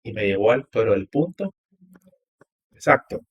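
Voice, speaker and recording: Man, husky, animated storyteller, podcast guest. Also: on the low side, normal speed, lo-fi sound. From Honduras. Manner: animated storyteller quoting dialogue. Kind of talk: storytelling interview.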